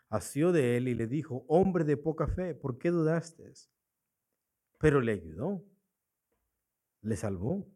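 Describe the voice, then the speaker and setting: A man's voice: a little high, mellow. A man preaching a sermon in a church, asking his congregation rhetorical questions and repeating his key points. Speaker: pastor.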